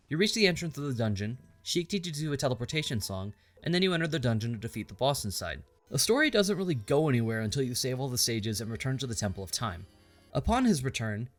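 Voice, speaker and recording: A man's voice: mid-range voice, fairly bright tone. A man narrating a scripted game story recap with sarcastic, crude asides. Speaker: game reviewer.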